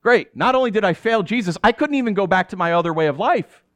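A man's voice: high voice, animated, quick pace, dry recording, studio quality. Man preaching in character, dramatic monologue. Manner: storytelling in character, swinging from hushed to exasperated. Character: the apostle Peter telling his own story. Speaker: pastor. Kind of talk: dramatic first-person sermon.

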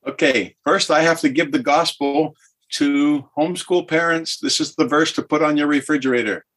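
A man's voice: on the high side, fairly even intonation, moderate pace, a bit bright. Earnest older man, heartfelt podcast guest. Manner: earnest, heartfelt, emotionally open. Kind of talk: podcast interview.

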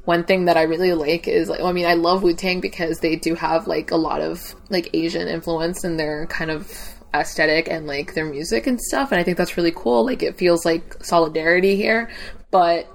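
A woman with a hoarse, raspy voice that sits fairly low, chatting casually as a podcast co-host. She talks informally and self-deprecatingly, hedging as she goes. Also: fairly even intonation, moderate pace, a little hiss or hum. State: hoarse, voice lost from singing karaoke. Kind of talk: casual chat.

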